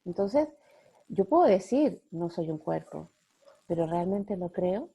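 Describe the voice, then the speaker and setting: A middle-aged woman giving a gentle spiritual talk to a group, often checking in with her listeners. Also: fairly low pitch, very animated, vocal fry, slightly rough. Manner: gentle, slow, with frequent "¿ya?" checks.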